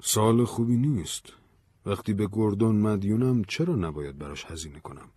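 A man voicing a weary, earnest man who explains himself calmly in an audiobook story. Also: fairly low pitch, no room sound, clean studio sound, close to an everyday voice. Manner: measured, tired. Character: weary, earnest man, Ben, calm and burdened.

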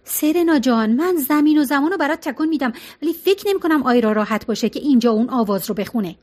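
A woman's voice: high-pitched, lively intonation, darkish tone. A woman voicing a reluctant middle-aged woman who hesitates and objects, in an audiobook reading. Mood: hesitant.

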